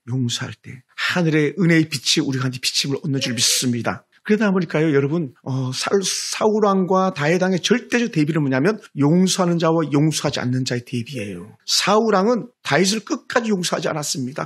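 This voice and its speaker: Fast-talking gravelly male pastor preaching. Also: fairly high pitch. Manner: repetitive, emphatic preaching with frequent hallelujahs; speaks quickly. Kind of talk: sermon.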